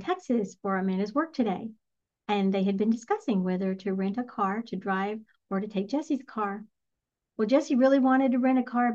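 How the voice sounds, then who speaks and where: A middle-aged woman, a spiritual energy coach, telling a personal story in an earnest, reflective, softly emotional way. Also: medium pitch. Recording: slightly muffled lo-fi recording.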